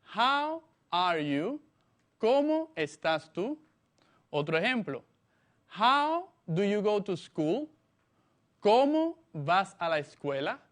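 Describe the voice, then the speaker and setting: Slow, deliberate male English teacher. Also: high voice, sing-song, fairly bright tone. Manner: slow, deliberate, spells words letter by letter. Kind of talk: slow classroom lesson for children.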